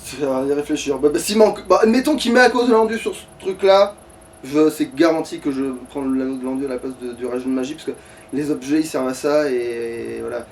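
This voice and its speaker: On a distant mic with background noise, a gaming streamer with a brisk, mid-range voice mutters through his let's play, thinking aloud in a grumbling, foul-mouthed manner.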